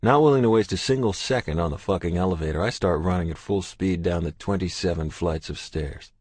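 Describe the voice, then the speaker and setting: A man with a very deep, low voice narrates a romance audiobook in the first person, gruff and intense. The read is dry and close with no room sound. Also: brisk, a little mellow, dry recording.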